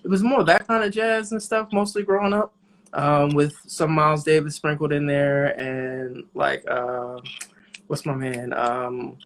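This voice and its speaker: In a laid-back interview, a thirtysomething jazz trumpeter answers with a voice on the high side. He thinks aloud unhurriedly, leaving many pauses as he reflects.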